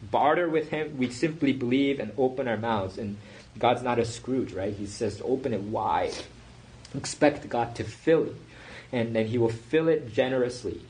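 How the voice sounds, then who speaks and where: A man's voice: medium pitch, darkish tone, rough recording. A male preacher teaching a short prayer-meeting sermon on a psalm, conversational, with frequent fillers and restarts.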